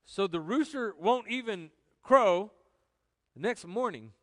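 Male pastor, sermon delivery, animated with loud and soft swings, slightly high voice, dry close sound. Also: slow pace, no room sound. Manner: animated, swings from loud to quiet, joking asides.

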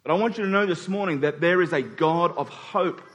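On a lo-fi recording, a man's slightly high, somewhat bright voice moves briskly through a conversational sermon. He leans on repeated key phrases and short rhetorical questions to check in with the congregation.

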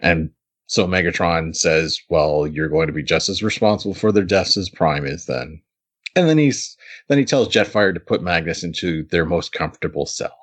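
A man's voice: sits low, lively intonation, normal speed. A man co-hosting a podcast, chatting casually as he recaps an episode, laughing often and restarting his sentences. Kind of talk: casual chat.

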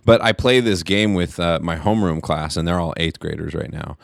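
Deep-voiced laid-back man in his forties. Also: fairly even intonation, brisk, creaky, dry recording, clean studio sound. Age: 40s. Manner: laid-back, swears freely, laughs often. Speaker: co-host; middle school teacher. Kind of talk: casual podcast chat.

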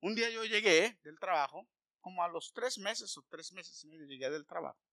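A man preaching a sermon, telling a personal story and then building to loud, emphatic exhortation. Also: high voice, expressive, brisk, dry recording, clean studio sound.

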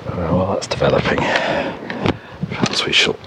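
Low-voiced man on hissy cassette tape. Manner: unhurried, muttering, self-correcting. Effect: recorded on a cassette tape recorder. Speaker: podcast host. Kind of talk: thinking aloud while taking photos. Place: outdoors on a hill by an oak tree. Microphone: portable cassette recorder.

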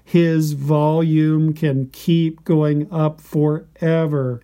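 A man delivers a scripted devotional narration. His voice is very dark and mellow, and he speaks slowly. Each phrase comes out deliberate and reverent. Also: on the high side, little pitch movement.

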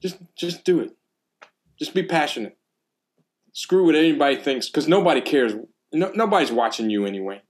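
A middle-aged man talking casually as a music teacher, animated and acting out exclamations while telling stories. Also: on the high side, quick pace, few pauses. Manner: animated storytelling, acts out exclamations. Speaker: percussion teacher. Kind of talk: casual conversation.

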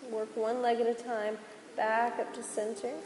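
Calm high-voiced woman guiding yoga in reverberant hall. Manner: slow, calm, soothing delivery with pauses. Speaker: yoga instructor. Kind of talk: guided yoga relaxation instruction. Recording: reverberant hall, clear background noise.

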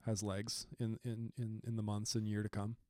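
A man's voice: lowish voice, completely flat delivery, moderate pace, warm tone, no echo, clean studio sound. A man co-hosting a podcast, telling stories in a hesitant, self-interrupting way with wry asides. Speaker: podcast co-host. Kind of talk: casual conversational podcast.

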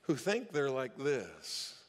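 A man's voice: mid-range voice, wildly swooping pitch, takes it slowly, big-room sound. A man preaching a sermon as the church's pastor, telling stories in a casual, conversational way and acting out the people he quotes. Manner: conversational storytelling, acts out quoted voices.

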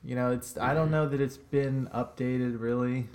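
A man co-hosting a casual podcast chat, explaining things in a relaxed, rambling way that trails off. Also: mid-range voice, normal speed. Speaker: podcast co-host.

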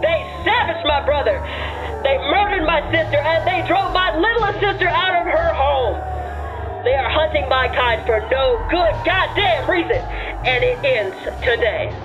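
A woman voicing a showy male dragonborn arena announcer, whose magically amplified voice booms with theatrical hype in a tabletop game. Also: animated, a little slow. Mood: announcing. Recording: dull lo-fi audio with music behind.

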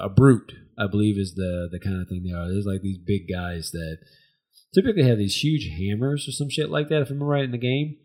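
Low-voiced American man, rambling recap. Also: darkish tone. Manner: rambling, hesitant, searching for words. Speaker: podcast host. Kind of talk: casual discussion and episode recap.

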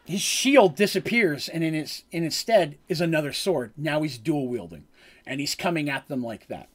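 A man's voice: fairly high pitch, expressive, moderate pace. A man telling how a tabletop game session played out, as its game master, in a rambling way with frequent ums and self-corrections.

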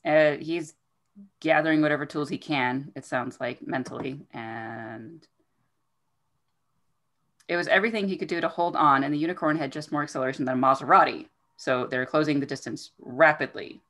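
A woman with a notably deep voice hosts a relaxed book discussion. She retells the story conversationally, as someone talking it through with friends. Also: moderate pace. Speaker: podcast host recapping a fantasy novel.

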